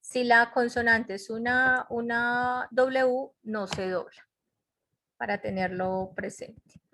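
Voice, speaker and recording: In a web conference, a woman with a slightly high, fairly even and sharp voice teaches English grammar online, taking it slowly. She explains step by step and checks in with her students over her computer mic.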